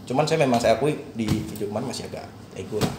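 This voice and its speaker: A man talks quickly and frankly, owning up to his faults in a relaxed chat. His voice sits at a middle pitch. The room adds a clear echo with faint noise underneath. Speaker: guest. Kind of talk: casual chat.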